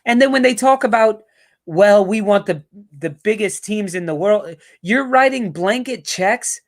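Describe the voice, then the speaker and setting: A man's voice: high voice, animated, a little slow. A man from the New Orleans area hosting a live football fan show, talking in a rambling, profane, casual way and reading viewer comments aloud. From New Orleans area, United States. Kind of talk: casual live-stream chat.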